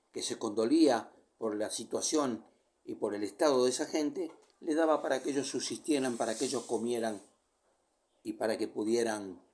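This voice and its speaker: A medium-pitched man preaches a sermon, reading scripture verse by verse and explaining it. His voice swings from loud calls down to near whispers.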